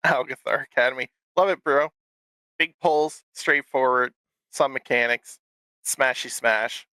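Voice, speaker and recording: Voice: mid-range voice, unhurried, bright, forceful tone, clean tone, no echo, rough recording. A co-host with a Canadian accent in upbeat, enthusiastic casual gaming chat. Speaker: podcast co-host.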